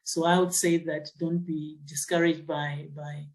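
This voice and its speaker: A woman's voice: sits low, flat delivery, a little slow, darkish tone, rough recording. A middle-aged woman from Zimbabwe, a geoscientist answering interview questions in a thoughtful way, with many fillers and restarts. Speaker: geoscientist and associate professor.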